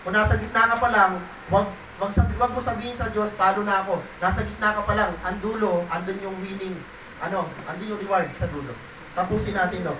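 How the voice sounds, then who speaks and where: A man preaching a sermon in an animated way, swinging from loud bursts to quiet, low stretches. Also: fairly quick, roomy sound, recorded from a distance, background noise. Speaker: pastor.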